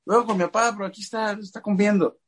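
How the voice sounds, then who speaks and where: A middle-aged Mexican man with a Mexican Spanish accent, a father telling an animated story as a guest in a casual chat. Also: high-pitched, fast talker. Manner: animated storyteller acting out quoted voices.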